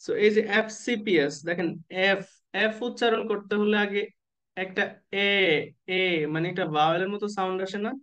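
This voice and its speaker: A man tutoring nursing exam candidates in an online class, who keeps asking the students questions and slowly spells out letters and abbreviations. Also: high voice, steady tone, a bit bright. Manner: asks the class questions and waits for answers.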